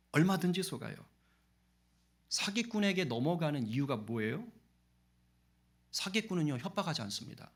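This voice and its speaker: A man delivers a Sunday sermon in a church. His voice sits a little high and sounds bright and forceful. He preaches conversationally, asking the congregation questions and acting out voices. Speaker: pastor. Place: church sanctuary.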